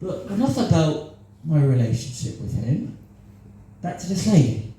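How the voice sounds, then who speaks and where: Cornish man, dark and self-mocking. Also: fairly high pitch, big pitch swings, unhurried. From Cornwall. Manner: self-deprecating, chuckles at his own jokes. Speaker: improv comedian. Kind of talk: solo improvised stand-up storytelling. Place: small live comedy venue with audience. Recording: echoey live room.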